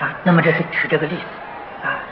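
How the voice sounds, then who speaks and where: A man's voice: fairly high pitch, steady tone. Older man giving a patient sutra lecture. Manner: slow and patient, many drawn-out "ah" fillers; clears throat now and then. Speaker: Buddhist teacher. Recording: dull, roomy, noisy old tape of a lecture hall.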